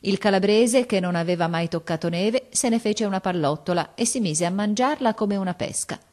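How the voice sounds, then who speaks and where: A woman narrating a classic children's novel in an expressive reading voice that lifts on names and exclamations. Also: medium pitch, brisk. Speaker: audiobook reader.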